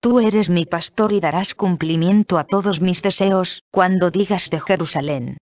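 A reader giving a measured, solemn scripted reading of a Bible passage. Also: medium pitch, no room sound, muffled recording.

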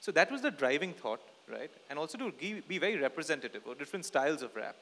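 A man's voice: fairly high pitch, very animated, fast, fairly bright tone. A man in his forties with an Indian accent, answering at a press conference in English mixed with Hindi phrases. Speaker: TV channel executive on a press panel. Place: indoor stage at a press event. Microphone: handheld microphone. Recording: echoey hall over PA.

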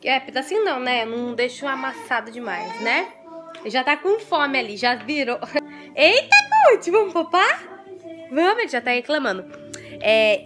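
A woman with a Brazilian accent, a mother chatting casually to her viewers in a home vlog while cooking and doing chores. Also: sits high. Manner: chatty, often addresses viewers as "gente". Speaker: vlogger and mother.

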